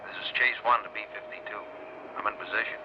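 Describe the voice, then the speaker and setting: An actor playing a calm military chase-plane pilot, giving clipped procedural reports over a helmet radio. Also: male voice, on the low side, fast. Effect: helmet radio transmission. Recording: dull lo-fi radio, very loud aircraft noise.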